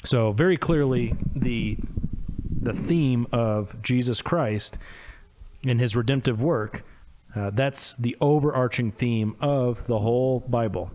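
A man's voice: mid-range voice, slow pace, a little mellow. A man with a Midwestern accent co-hosting a theology discussion podcast and reading quotations aloud with small asides. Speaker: podcast co-host.

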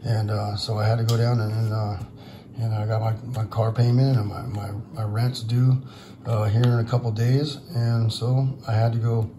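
Losing his voice, this hoarse silver-stacking channel host talks to viewers in a lowish, flat monotone at normal speed, rambling and frustrated with many fillers. The camera points down at silver bars on an indoor table, keeping him off screen, and a noisy hiss runs underneath.

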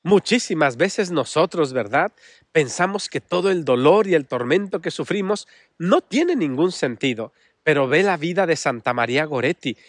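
A man's voice: fairly high pitch, lively intonation, moderate pace, no room sound, studio quality. A man, a priest who tells a saint's life as a sermon in a dramatic, sorrowful manner. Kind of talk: storytelling sermon.

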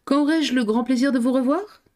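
A woman's voice: high-pitched, a little fast, darkish tone, voice pushed up, natural voice. A woman voicing a courteous, good-humoured young male reporter who speaks in a polite, eager way.

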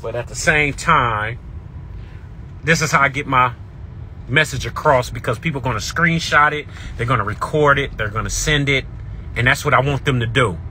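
A man's voice: mid-range voice, normal speed, sharp tone, slight background noise. A man with a Californian accent, ranting defiantly and repeating himself, talking into a phone inside a car on the freeway. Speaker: vlogger. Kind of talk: heated live-stream rant.

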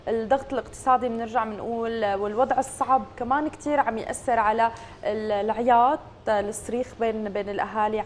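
A Syrian-accented woman hosts a morning TV talk show, putting questions to her guest between brief agreements. She talks quickly, her voice a little high. Faint room ambience hums under her. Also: a little mellow, slight background noise. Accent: Syrian Arabic. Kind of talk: TV interview questions.

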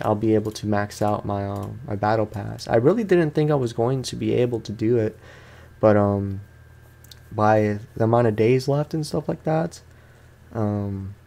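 Slangy and informal, this young man's voice sits on the low side as he delivers casual let's play commentary for his gaming YouTube channel, reacting with animated, playful exasperation.

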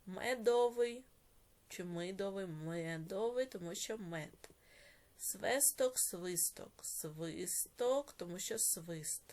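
A woman teacher with a Ukrainian accent, giving a recorded video lesson and spelling out word parts slowly and deliberately. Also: on the low side, expressive, a little mellow.

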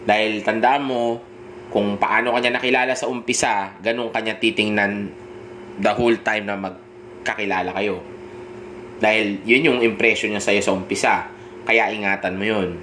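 A man with a Filipino accent giving dating advice in a direct coaching monologue, often pausing to check in with the listener. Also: lowish voice, fairly bright tone, a little hiss or hum. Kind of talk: instructional monologue.

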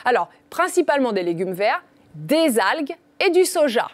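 A woman dietitian, a guest on a TV show, explaining in a lively, playful way. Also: high-pitched, normal speed, dry recording. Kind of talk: explaining on live TV. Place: TV studio.

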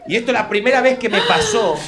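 A man with an Argentine accent doing stand-up comedy, telling stories in an animated, exaggerated, profane way. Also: sits high, quick pace, a crowd in the background. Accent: Argentine Spanish. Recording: noisy live recording.

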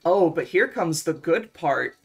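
A woman's voice: on the low side, measured pace, creaky, breathy edge. A woman casually chatting over gameplay and reading game dialogue aloud in a playful, joking way. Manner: playful, jokey, reads game text in lively bursts. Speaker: let's play co-host.

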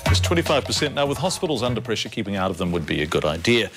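New Zealand male anchor, very animated pitch, emphatic studio read. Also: rapid-fire, over loud music. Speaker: news presenter. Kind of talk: studio news presentation. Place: television studio.

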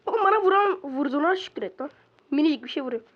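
A woman giving casual gameplay commentary from a bedroom at home, excitable and quick to exclaim and grumble at opponents. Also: high voice. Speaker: gaming video creator. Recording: slightly dull lo-fi recording.

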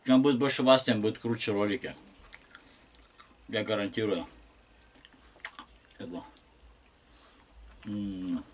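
Low-voiced man chatting while eating noodles. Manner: chatty, slangy, pauses to chew and hum. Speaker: mukbang vlogger. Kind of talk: casual eating vlog chat to viewers.

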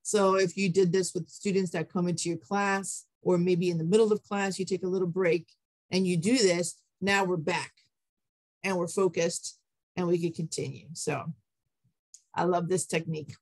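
A woman with a slightly low voice presents an interactive online workshop. She is encouraging and affirms participants as she guides them. The sound is close and dry, from a computer mic. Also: fairly even intonation, moderate pace, darkish tone, no echo. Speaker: teacher trainer, webinar presenter. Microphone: computer mic on an online call.

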